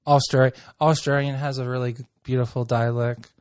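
A man's voice: mid-range voice, flat delivery, normal speed, a little mellow, clear, resonant tone, no room sound. A man hosts a loose, casual chat in an ordinary mid-range voice. He gushes and rambles, often leaving sentences unfinished. The sound is dry and close. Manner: gushing, rambling, trails off.

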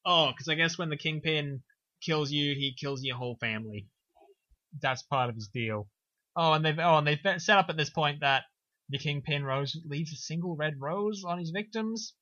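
A young man casually recapping a film on a podcast, sarcastic and animated, slipping into silly voices. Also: fairly high pitch, normal speed, no room sound. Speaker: podcast co-host. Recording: dull lo-fi dry recording.

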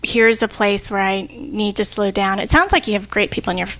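A woman's voice: mid-range voice, fairly even intonation, a little fast, fairly bright tone. Thoughtful woman in reflective chat. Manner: thoughtful, searching, frequent fillers and "kind of". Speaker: podcast co-host.

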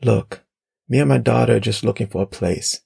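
A man's voice: medium pitch, moderate pace, gravelly, darkish tone, slightly rough, heavily acted. A man reading a firm, guarded father. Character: protective Caribbean father, tense and guarded.

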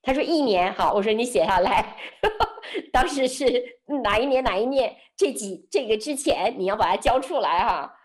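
A woman, telling a personal story in an interview. She speaks softly, often drops close to a whisper, acts out both sides of a conversation and laughs lightly now and then. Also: a little high, expressive, moderate pace. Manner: soft-spoken, often dropping to a near whisper; reenacts dialogue, laughs lightly. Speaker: interview guest.

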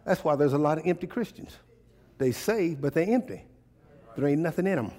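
A man's voice: a little high, lively intonation, fairly quick, warm tone. An American man preaching a sermon conversationally and emphatically, repeating phrases and putting questions to his listeners. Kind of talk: sermon with call and response.

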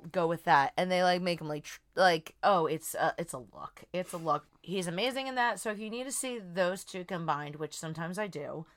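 Bawdy, rambling woman with a lowish voice. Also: lively intonation, fairly quick, hardly any pauses. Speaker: podcast guest. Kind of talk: casual comedic chat.

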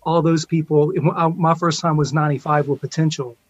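A man's voice: on the high side, fairly even intonation, a little fast. A man chatting informally as an interview guest, laid-back and reminiscing, over a dull online-call connection. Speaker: interview guest, steel pan musician. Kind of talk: casual chat, reminiscing.

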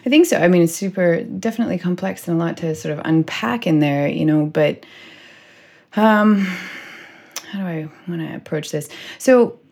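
A woman's voice: fairly low pitch, moderate pace, vocal fry, dark tone. A woman hosting a casual podcast conversation, rambling with lots of "like" and "you know". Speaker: podcast host.

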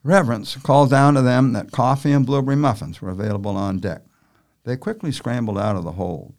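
A man narrating a novel aloud in a folksy, unhurried storytelling manner with rural turns of speech. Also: mid-range voice, darkish tone. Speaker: audiobook narrator.

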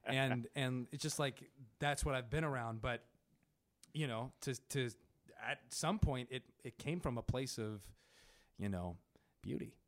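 Halting man with a Pittsburgh accent. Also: mid-range voice. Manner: halting, many restarts and fillers. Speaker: podcast guest. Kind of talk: casual chat.

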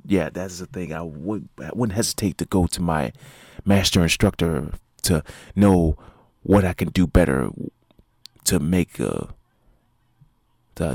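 Low and darkish in tone, this martial arts instructor's voice comes through with no echo on his solo podcast. He's sleepy and yawning, chatting casually and rambling with lots of fillers and false starts.

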